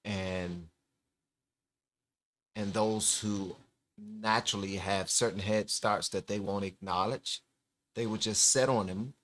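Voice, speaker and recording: A man hosting a reaction video, commenting in a relaxed, chatty way with laughing asides. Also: fairly low pitch, takes it slowly, long pauses. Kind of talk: casual commentary.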